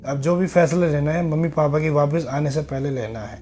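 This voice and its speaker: A man narrating a horror story in a slow, suspenseful telling. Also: a little high, steady tone, mellow, faint music behind.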